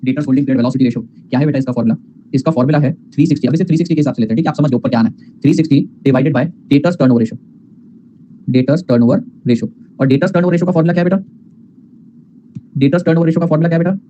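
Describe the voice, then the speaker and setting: A man's voice: fairly high pitch, racing, mellow, lo-fi sound, slight background noise. A man teaching accounting in a class lecture, mixing in English terms, calling students "beta" and asking questions he answers himself.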